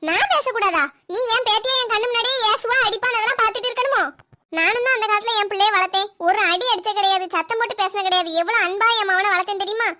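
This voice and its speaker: A woman's voice: extremely high pitch, fast talker. Woman doing a fussing old granny. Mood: scolding. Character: doting scolding old grandmother. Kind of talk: cartoon voice acting.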